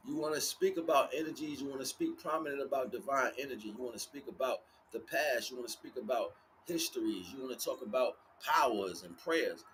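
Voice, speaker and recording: This American livestream host talks fairly quickly in a medium-pitched, fairly bright male voice. His informal spiritual monologue is emphatic, repetitive, and full of street slang. Ambient noise is clearly audible throughout.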